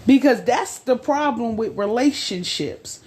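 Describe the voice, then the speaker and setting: A woman co-hosting a podcast discussion, speaking emphatically with a preaching cadence and slow, stressed phrases. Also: fairly high pitch, lively intonation, a little mellow. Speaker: podcast co-host.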